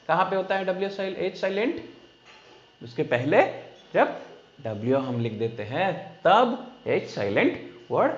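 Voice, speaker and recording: An Indian man gives a very slow, drawn-out classroom lesson with an Indian English accent, stopping often to check that his students understand. His voice bounces around a roomy space. The recording sounds dull and lo-fi. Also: medium pitch, slight background noise. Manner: slow, repetitive, keeps asking "understand?". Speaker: spoken English teacher. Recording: echoey room, dull lo-fi sound.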